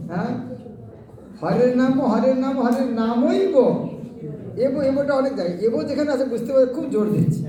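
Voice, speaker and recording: A man leading a devotional scripture class, questioning his listeners and answering himself, chanting verses slowly. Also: very high voice, dark tone. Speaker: Gita class teacher. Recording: echoey hall, far from the mic, crowd noise.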